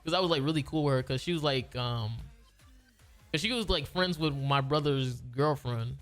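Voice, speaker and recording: A man's voice: medium pitch, moderate pace, a bit bright, soft background music. A man who makes gaming videos tells a long story casually, rambling with slang and restarting his sentences.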